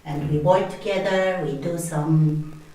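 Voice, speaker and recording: A woman's voice: low voice, fairly even intonation, mellow. A woman from the Philippines, a former nurse now working as a carer, telling her story hesitantly in an interview. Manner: hesitant, halting, with laughs. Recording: echoey room from far off.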